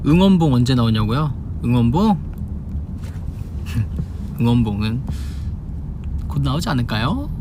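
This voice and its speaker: Speaking a little slowly and pausing often, this young Busan man has a mid-range voice and the Gyeongsang accent of his city. As an idol livestream host, he casually fields fan questions and shows off dialect phrases while car noise hums steadily in the background.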